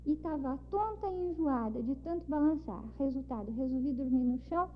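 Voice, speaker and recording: Interviewee, woman with São Paulo accent, high voice, lively storyteller, dull lo-fi audio. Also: a little fast, a little hiss or hum. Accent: São Paulo Portuguese. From São Paulo, Brazil. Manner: lively storytelling, acts out dialogue. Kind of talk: recounting travel memories. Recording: dull lo-fi recording.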